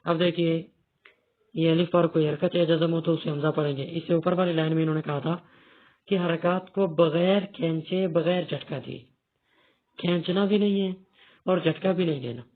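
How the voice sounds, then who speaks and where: A man's voice: a little high, fairly even intonation. A male teacher giving a step-by-step beginner reading lesson, patiently explaining and repeating key points. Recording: tinny phone-like audio.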